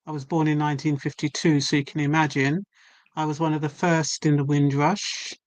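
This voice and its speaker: A woman's voice: low voice, level tone, dry recording. Older woman, reflective, dry sound. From England. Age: 70s. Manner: measured, reflective storytelling. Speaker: guest poet and author. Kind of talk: casual chat.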